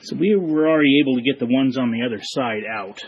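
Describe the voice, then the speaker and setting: A man's voice: medium pitch, fast, muffled recording. A man hosting casual shop talk, explaining repair work to viewers as he goes, out of breath. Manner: relaxed, explains work to viewers while doing it. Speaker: host. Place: workshop.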